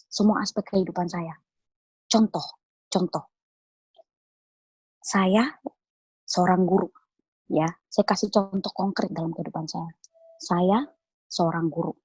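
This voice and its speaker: A woman telling a personal faith testimony in a casual chat, earnest and animated, repeating phrases for emphasis. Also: mid-range voice, breathy edge, dry recording, rough recording. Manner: earnest, animated storytelling with repetitions. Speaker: guest sharing testimony.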